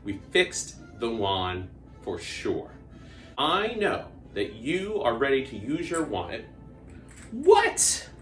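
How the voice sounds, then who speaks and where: A kids' party magician with a very animated, up-and-down delivery, recorded in a roomy, echoey space with faint music. The host is playful and exclamatory, coaxing children to join in with call-and-response. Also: medium pitch, slow pace. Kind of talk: interactive kids' party magic show for camera.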